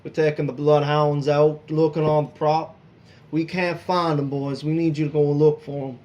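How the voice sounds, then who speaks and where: A man's voice: fairly high pitch, level tone, moderate pace, a little mellow, lo-fi sound, close to an everyday voice. A man voicing a worried southern estate owner and single father, with a Southern US accent, pleading and folksy.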